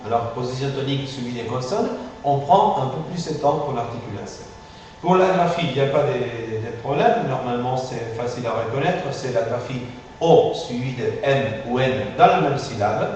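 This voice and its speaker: A male phonetics teacher giving a classroom pronunciation lesson, patient and drilling sounds slowly with many repetitions. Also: medium pitch, animated, darkish tone. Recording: echoey room, far from mic, faint hiss.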